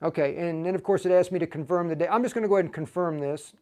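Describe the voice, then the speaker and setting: Talking very fast, this instructor runs a live tutorial on his livestream, speaking casually, folksily and straight to his viewers. His pitch is fairly high and his tone darkish.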